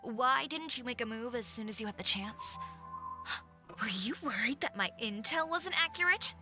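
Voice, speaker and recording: A woman voicing a lively young woman on a film crew in a game cutscene, talking in a brisk, playful way. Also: fairly high pitch, close to an everyday voice. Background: soft music.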